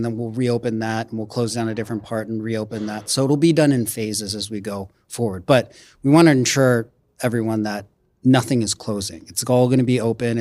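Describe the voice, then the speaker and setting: A man's voice: mid-range voice, a little mellow, dry recording. A man from a restaurant group explaining plans in a conversational interview, often tagging his points with "right?". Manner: explanatory, frequent "right?" tags.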